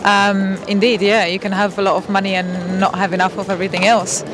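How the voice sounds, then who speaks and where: A woman from Poland answering a street interview outdoors, deliberate as she builds her answer. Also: medium pitch, little pitch movement, over music. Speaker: passer-by.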